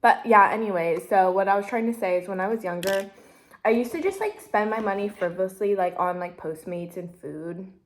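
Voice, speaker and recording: A woman's voice: mid-range voice, fairly quick, slight background noise. Rambling twenty-something woman chatting while eating. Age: 20s. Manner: chatty, rambling, heavy use of "like" and "literally"; talks while eating, mouth full. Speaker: vlogger. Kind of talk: casual mukbang chat.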